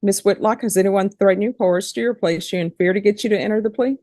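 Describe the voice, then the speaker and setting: Presiding over a court hearing, this woman judge asks questions formally and by procedure, spelling names out as she goes. She talks fast in a mellow mid-range voice, captured with clean studio sound and no room tone.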